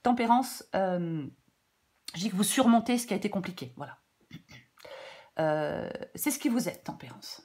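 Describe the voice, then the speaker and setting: A woman's voice: mid-range voice, animated, darkish tone. Congested woman reading tarot casually. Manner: halting, self-interrupting, chatty asides. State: congested blocked nose from a cold. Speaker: tarot reader. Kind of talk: casual off-the-cuff tarot guidance.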